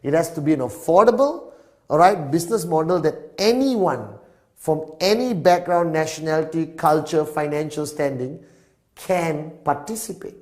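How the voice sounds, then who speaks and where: Middle-aged man, slightly higher voice, punchy whiteboard lecturer who keeps checking in with "all right?". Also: normal speed, a little mellow. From Malaysia. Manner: emphatic, punctuates every point with "all right?". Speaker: business presenter.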